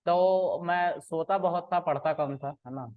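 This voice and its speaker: A man explains a lesson in an easygoing, conversational way, checking in with his listeners again and again. His voice sits a little high, and the recording is narrow and tinny, like a phone line. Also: steady tone, a little slow. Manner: conversational, frequent "ठीक है" and "है ना" checks; mixes English phrases into Hindi. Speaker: programming teacher. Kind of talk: casual lesson with a personal story.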